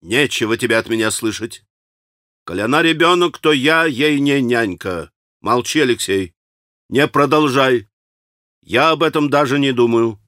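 A man's voice: mid-range voice, moderate pace, fairly bright tone, dry recording, clean studio sound, lightly acted. A man reading an audiobook, voicing an irritable, brooding young man who talks curtly and sardonically. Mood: irritated. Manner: curt, sardonic.

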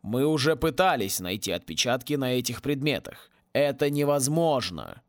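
A man reading an audiobook and voicing a calm, measured male wizard who quiets the room. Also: mid-range voice, no echo, clean studio sound, lightly acted. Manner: slow, measured.

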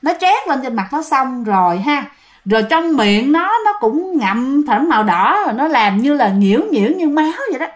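A woman's voice: high-pitched, lively intonation, moderate pace. A woman, casually telling ghost stories and talking directly to her listeners. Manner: chatty, addresses listeners directly. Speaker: storyteller. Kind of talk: casual ghost-story narration.

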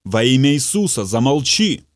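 A man voicing a calm, firm pastor in an audiobook, speaking with steady authority. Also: medium pitch, normal speed, dry recording, clean studio sound, close to an everyday voice. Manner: firm and commanding. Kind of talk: audiobook reading.

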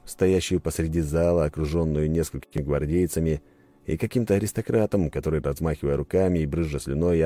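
A man narrating a first-person story in an expressive storytelling manner. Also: sits low. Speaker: audiobook narrator.

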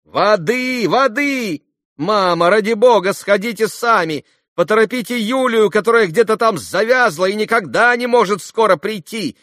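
A shrill, demanding teenage girl, put on by a male audiobook reader. Her voice sits far above his own and bursts out in quick, commanding cries. The sound is dry and close. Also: lively intonation, a bit bright, dry recording. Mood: frantic commanding. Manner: shrill, commanding, rapid outbursts. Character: teenage girl, sick, imperious and excitable. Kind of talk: audiobook character reading.

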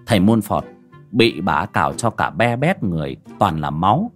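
A man's voice: low voice, sing-song, normal speed. A man narrating a horror audiobook with dramatic storytelling. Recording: faint background music.

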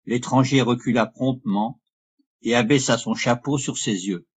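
A man reading a classic novel aloud as an audiobook, in measured, even narration. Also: medium pitch, husky. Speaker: audiobook reader. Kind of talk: scripted narration.

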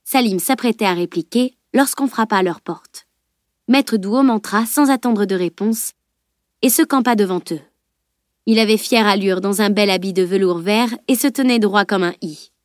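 A woman narrating a novel in a steady, clear reading voice. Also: mid-range voice, normal speed, dry recording, clean studio sound. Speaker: audiobook narrator. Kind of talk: audiobook narration.

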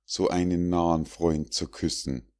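A sly old fox who flatters his way toward his prey, sweet-talking in a storybook fable, voiced by a man. The voice sits low and moves slowly. Every word is honeyed and ingratiating. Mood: wheedling.

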